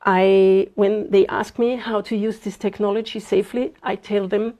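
A woman in her fifties, from Austria, talks through an interview with earnest, steady thought, pausing on fillers as she goes. Her voice has a mellow, darker tone, set at an ordinary pitch for a woman. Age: 50s. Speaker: guest, bitcoin advocate. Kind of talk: casual interview talk.

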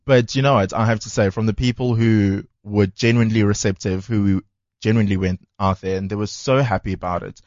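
A South African man co-hosting a radio show, telling a story in a casual, animated way. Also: lowish voice, a little fast, no echo, lo-fi sound. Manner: animated storyteller who acts out what others said. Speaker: radio co-host.

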